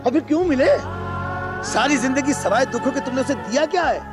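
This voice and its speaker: A man's voice: extremely high pitch, lively intonation, brisk. An actor playing a stern, angry father who scolds harshly and raises his voice, with drama score music behind. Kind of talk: 1980s TV drama acting.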